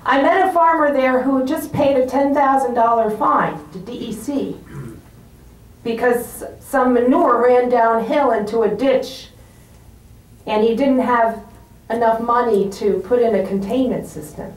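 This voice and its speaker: A woman giving a rousing political rally speech, speaking deliberately in short, emphatic phrases. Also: fairly high pitch. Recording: roomy echo, distant microphone.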